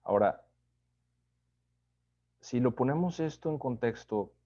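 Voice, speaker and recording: A man giving a conversational Bible study sermon, unhurried, often checking in with listeners through tag questions. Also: medium pitch, expressive, dark tone, lo-fi sound.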